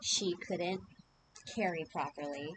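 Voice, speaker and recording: A woman co-hosting a podcast, chatting casually and telling animated stories with plenty of swearing. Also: lowish voice, a little slow, noisy background. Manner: animated storytelling, frequent swearing. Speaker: podcast co-host. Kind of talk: casual chat.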